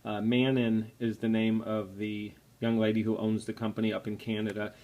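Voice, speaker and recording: A man's voice: on the low side, little pitch movement, normal speed, highs cut off. A man presenting a casual unboxing vlog, talking in a friendly, apologetic way with frequent "uh" fillers. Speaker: product reviewer.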